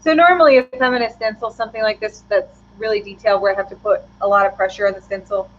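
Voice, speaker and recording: A woman hosting a live painting tutorial, thinking aloud in a relaxed, chatty way with frequent ums and answering viewer questions. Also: medium pitch, fast talker, dull audio, slight background noise. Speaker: custom lure painter hosting a live stream.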